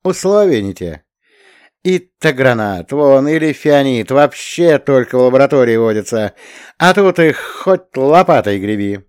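A man voicing an eager, boastful young male planetologist in an audiobook, higher and louder than his own reading voice. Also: clean tone, no echo, clean studio sound, lightly acted. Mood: proud. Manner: eager, rapid-fire, boastful.

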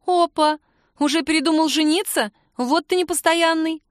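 A woman voicing a playful, witty young woman who teases lively and mock-indignantly, in a dry close recording. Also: fairly high pitch, normal speed, no room sound, voice pushed up. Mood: teasing.

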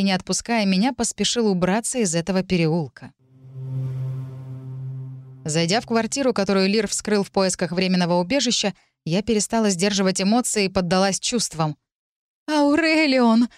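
A woman narrating a first-person audiobook in a measured, emotive way. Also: mid-range voice, dry recording, studio quality.

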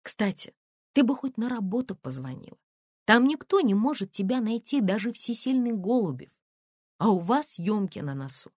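A woman reading an audiobook and voicing an indignant, pushy young woman who speaks in raised, sharp outbursts. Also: mid-range voice, very animated, moderate pace, dry recording, studio quality, voice pushed up.

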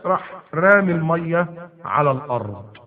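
Animated Egyptian preacher, tinny audio. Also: male voice, a little high, normal speed. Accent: Egyptian Arabic. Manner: animated, bursts into loud emphatic retelling. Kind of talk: sermon storytelling.

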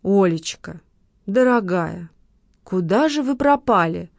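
A woman's voice: medium pitch, lively intonation, slow, vocal fry, no room sound, studio quality. A woman voicing a chatty, proud beautician with a fussy, gushing manner.

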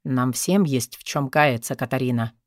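A woman narrator voices a gruff, hoarse man for an audiobook, pitching him deep in a low, menacing half-whisper. Each word comes out as a dry, close grumble that fits a brooding rescuer. The pace is normal, the recording dry, and the voice stays close to an everyday one.

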